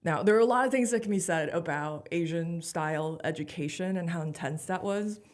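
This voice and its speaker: A woman in her thirties with a slightly low voice. She is a guest in a casual interview. She tells her story with candid, animated energy. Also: brisk. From Taiwan. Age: 30s. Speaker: guest comedian.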